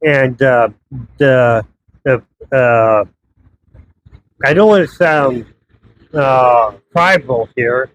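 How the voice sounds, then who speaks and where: A man in his fifties rambles through personal stories in a casual vlog monologue from his townhouse. His medium-pitched voice draws out words and pauses often, and the recording quality is low.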